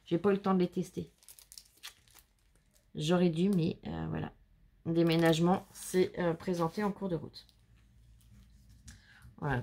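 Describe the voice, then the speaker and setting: Woman host, fairly low with some fry, gushing casual card show-and-tell at home. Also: dark tone. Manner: chatty, gushing, talks to viewers and helpers. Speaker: scrapbooking channel host.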